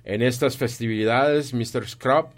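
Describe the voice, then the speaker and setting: A man voicing a polite, stout gentleman collecting for charity in an audiobook, formal and courteous. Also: medium pitch, unhurried, pitched above the performer's own voice, natural voice. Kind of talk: audiobook reading.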